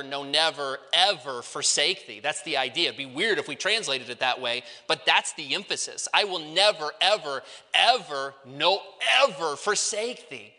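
A man preaches a sermon with a fairly high, strikingly bright and ringing tone. He leans into important phrases by slowing way down and stretching them out. His voice carries a long reverb, as if he is speaking in a large hall. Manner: earnest preaching, stretches key phrases slowly for emphasis. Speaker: pastor.

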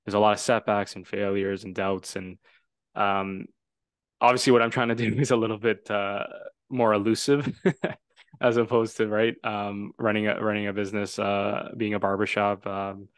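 A man's voice: on the low side, little pitch movement, normal speed, clean tone, dry recording, studio quality. A man in his twenties from Toronto, hosting a casual podcast conversation in an earnest, reflective, rambling way. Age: 20s. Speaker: podcast host.

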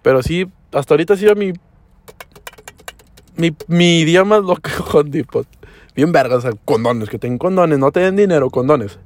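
Talking at a normal speed, this young man from Mexico has a fairly high, expressive voice. His casual vlog to camera is a profane, slangy story, and he code-switches into English partway through sentences.

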